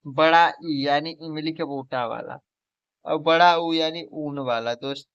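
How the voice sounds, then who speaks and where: A man's voice: fairly high pitch, measured pace, clean tone, no echo. A man teaching a lesson for exam preparation, who asks questions and answers them himself and keeps calling the viewer his friend. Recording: dull, lo-fi recording.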